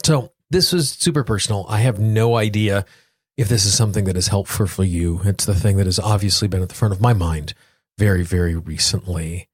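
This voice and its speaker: Hosting a solo podcast of guided affirmations, a man uses a fairly low, slightly husky, a little mellow voice. His phrasing is earnest and deliberate with frequent repetition for emphasis, and the sound is close and dry with no echo.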